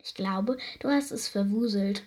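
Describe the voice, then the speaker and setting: A woman reading aloud, voicing a gentle, loving mother at bedtime who speaks softly and soothingly, with a breathy voice. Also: medium pitch, measured pace, lightly acted. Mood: tender. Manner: soft, soothing, hushed. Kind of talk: storybook reading.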